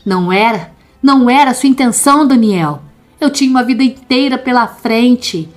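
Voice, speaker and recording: A woman voicing a vengeful undead female demon, hoarse and guttural, snarling threats in a horror audio story. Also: medium pitch, lively intonation, moderate pace, a bit bright, soft background music, lightly acted. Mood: accusing. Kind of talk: dramatic audio-story reading.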